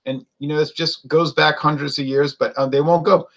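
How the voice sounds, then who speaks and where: A man's voice: a little high, fairly even intonation, fairly quick, fairly bright tone, rough recording. A man co-hosting a casual wine chat, rambling and opinionated, with lots of fillers and restarts. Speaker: wine show co-host.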